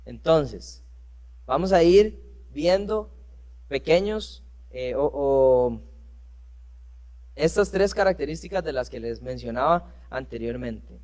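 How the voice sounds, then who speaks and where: A man's voice: medium pitch, lively intonation, slow, long pauses, darkish tone. Man preaching a Bible teaching. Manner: reads verses aloud, then explains with rhetorical questions; frequent fillers and self-corrections. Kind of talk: church teaching with scripture reading.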